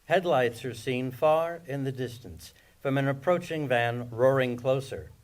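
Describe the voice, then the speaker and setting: Serving as the narrator at a table read, a man reads the screenplay directions in scripted narration. His pitch is average and his pace a little slow.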